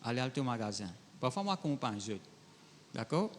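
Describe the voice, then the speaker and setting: A man's voice: medium pitch, very animated, moderate pace, in a large hall, slight background noise. A male pastor preaching a sermon in a conversational way, reading Bible verses and then talking straight to the congregation. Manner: conversational preaching, mixing French with Creole phrasing.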